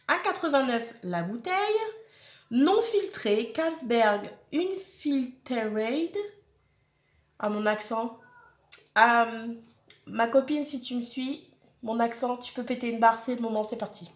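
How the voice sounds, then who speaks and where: A woman's voice: a little high, reverberant. A woman vlogger chatting frankly to her viewers as she unboxes and reviews a food box at home. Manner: chatty, frank and opinionated, addressing viewers directly. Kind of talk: casual unboxing chat.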